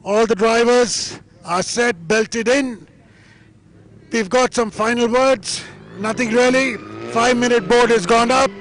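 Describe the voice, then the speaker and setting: A man's voice: extremely high pitch, a little slow, fairly bright tone, poor audio. A man working as a grid interviewer outdoors before a race, chatty and off the cuff, repeating himself and often tagging on "okay". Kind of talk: live pre-race interview, casual and off the cuff.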